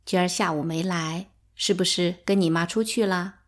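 A woman voicing a kindly, humble old village woman who speaks softly and apologetically in a storybook reading. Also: lowish voice, fairly even intonation, moderate pace, natural voice.

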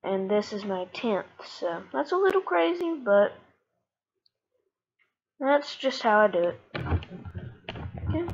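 A woman's voice: medium pitch, very animated, slow, pauses often. A woman rambling casually through a Minecraft let's-play, self-correcting as she goes and losing her voice. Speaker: gaming YouTuber. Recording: dull lo-fi mic with clear background noise.

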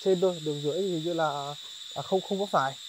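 A man hosting a charity vlog outdoors in a highland village, talking politely to viewers with many fillers. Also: quick pace, noisy background. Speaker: charity vlogger. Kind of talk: vlog narration and chat on location.

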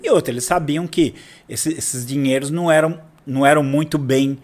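A Brazilian man with a Brazilian Portuguese accent, teaching church history in a casual, animated way, acting out quotes and restarting often. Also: on the high side, normal speed.

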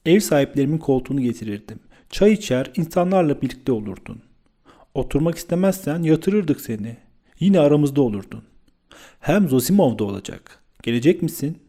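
A blunt, hot-tempered young man scolds and insists, as a man reads him in an audiobook. His voice stays mellow and warm even when raised. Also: fairly high pitch, fairly quick. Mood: scolding.

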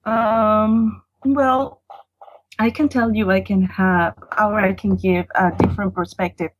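A woman's voice: mid-range voice, steady tone, takes it slowly, poor audio. A woman from Venezuela calling in to a talk show, answering briefly and politely. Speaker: caller. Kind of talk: call-in conversation.

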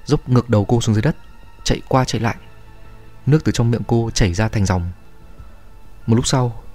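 A man narrating a horror story in a steady, measured way. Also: medium pitch.

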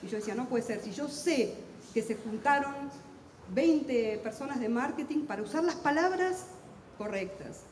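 A middle-aged Argentine woman speaks in a rather high but mellow voice, rushing through her thoughts with intensity and wry humor. She is a translator addressing a book fair audience. The sound rings around a large hall with a long, echoing tail. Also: expressive, slight background noise. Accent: Argentine Spanish. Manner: talks fast and intensely, self-deprecating humor. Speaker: literary translator on a panel. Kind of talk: lively public talk at a book fair. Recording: echoey hall with long reverb.

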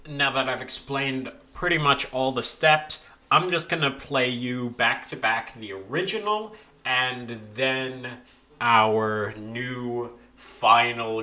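A young man casually talking through how he edits recordings of his own singing, relaxed and with frequent restarts. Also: mid-range voice. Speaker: video creator explaining vocal editing. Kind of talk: casual voice-over tutorial.

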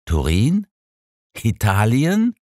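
A man's voice: on the low side, big pitch swings, moderate pace, a little mellow, no echo, clean studio sound, pitched above the performer's own voice. A man voicing a stubborn, easily offended older doctor who sulks and protests. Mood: indignant. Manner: indignant, sulky. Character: stubborn, touchy older male doctor companion.

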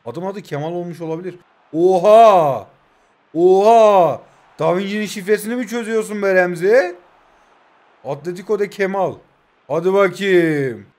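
High-voiced young man joking over gameplay. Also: brisk. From Turkey. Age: 20s. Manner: joking, teasing, talks to himself and viewers. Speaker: gaming YouTuber. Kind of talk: live gameplay commentary.

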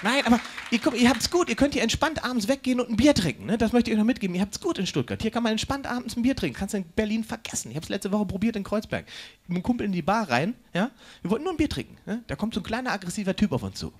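A man doing a stand-up routine on stage, brash and mocking, with quick asides to the crowd. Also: high voice, lively intonation. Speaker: stand-up comedian. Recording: live stage with faint background noise.

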